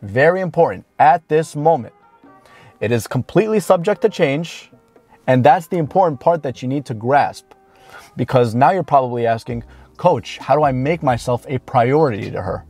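Sitting in a parked car, a dating coach of around thirty talks straight to camera, offering blunt, informal, emphatic advice and drawing out key words. His mid-range voice is a little mellow with lively intonation, and music plays in the background.

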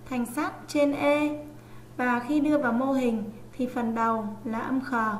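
A high-pitched woman teaches young children to read in an online lesson. She stretches each sound as she spells out syllables. The room echoes, with a faint hiss behind her. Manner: slow, drawn-out sounding out of letters. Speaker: online primary school teacher.

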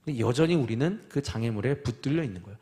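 Animated male preacher with lively pitch. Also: very fast. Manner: animated, acts out God and Moses in dialogue; drops to a soft, quiet close after raised lines. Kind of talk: sermon.

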